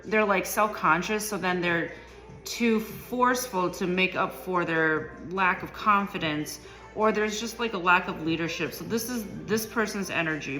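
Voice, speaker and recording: A woman's voice: mid-range voice, bright, forceful tone. A woman giving a casual tarot reading, talking loosely with many ums and likes. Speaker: tarot reader.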